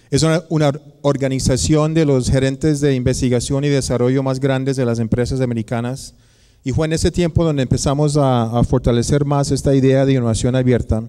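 A man's voice: mid-range voice, mellow, clear, resonant tone. A man in his forties, raised in the United States, giving a conference lecture at a podium mic with frequent hesitations and fillers. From Colombia, raised in the United States. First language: Spanish kept as heritage language, raised in English. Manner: hesitant, many filler sounds and restarts. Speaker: guest lecturer, business professor. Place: large auditorium with audience. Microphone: podium microphone. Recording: long reverb of a large hall.

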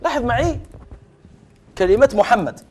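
A man's voice: very high-pitched, expressive, moderate pace, darkish tone, breathy edge. A middle-aged man with an Algerian accent lecturing on Arabic grammar to a class of students, mixing formal Arabic with dialect and questioning the class before he answers himself.

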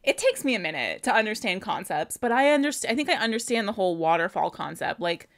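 Gushing young woman with a lively voice. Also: medium pitch, fast talker. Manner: gushing, squealing, full of fillers. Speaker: music reaction vlogger. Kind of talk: excited casual reaction commentary. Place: bedroom at home, indoors. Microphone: studio mic with pop filter in front. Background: song playing in the background.

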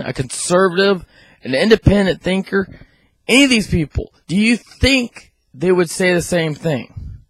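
A man in his thirties with a husky, slightly high voice talks close and dry into a handheld mic. His speech is a little off after oral surgery. He rants indignantly as a video blogger, leaning on rhetorical questions. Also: no room sound. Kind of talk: opinionated rant to camera. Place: small room at home. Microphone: handheld microphone close to the mouth.

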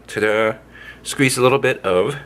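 A home cook hosting his channel chats playfully through a casual cooking video, adding sing-song sound effects as he works in his indoor kitchen with an overhead camera on his hands. His voice is medium-pitched and fairly bright, at a normal speed.

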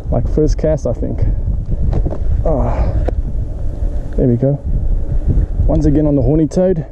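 A young South African man in his late teens runs an excited fishing vlog from a small boat on a lake, calling out and whooping whenever a fish hits. His voice sits a little high with a gravelly fry at the ends of phrases. It is caught on a head-mounted action camera with plenty of outdoor wind and water noise around him. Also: takes it slowly, lo-fi sound. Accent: South African English. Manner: excitable, whoops and repeats himself when a fish bites. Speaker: fishing vlogger.

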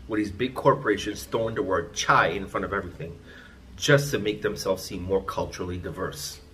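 A vlogger from Trinidad and Tobago rants to his phone camera, held at arm's length in a small indoor room, lecturing emphatically and repeating his points. His voice sits low, a little fast and a bit bright, with slight background noise.

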